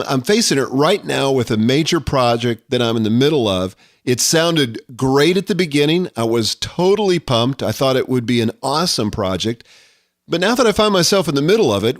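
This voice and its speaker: A middle-aged man talks through a solo podcast episode in an earnest, reflective way, sometimes reading quotations aloud. His voice sits at an ordinary pitch. The recording is close and dry, with no room sound. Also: no echo. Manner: earnest, reflective, quotes scripture. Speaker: podcast host. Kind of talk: solo podcast monologue on leadership.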